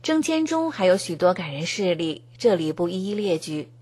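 A woman reads scripted news narration in a steady, formal way. Her voice sits on the low side and has a husky, slightly breathy edge. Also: normal speed. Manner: even, formal reading tone. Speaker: news reader.

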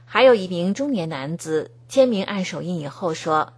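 A woman reads scripted news narration in a steady, formal way. Her voice sits on the low side and has a husky, slightly breathy edge. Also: moderate pace. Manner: even, formal reading tone. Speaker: news reader.

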